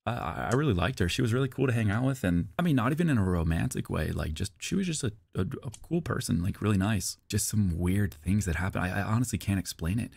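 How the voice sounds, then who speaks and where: A man's voice: on the low side, expressive, fast, vocal fry, few pauses, darkish tone, husky, no room sound. A man streamer telling a long personal story in a rambling, casual way, often repeating himself and swearing.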